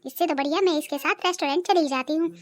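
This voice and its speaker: A voice artist playing a bossy, sharp-tongued middle-aged cartoon wife who nags and threatens. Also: sits high, quick pace, natural voice. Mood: scolding. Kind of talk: cartoon voice acting.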